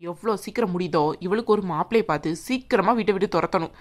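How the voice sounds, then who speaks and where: A woman voicing a proud, scheming young bride in a cartoon, sharp-tongued and snippy. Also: medium pitch, fast, lightly acted. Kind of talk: cartoon voice acting.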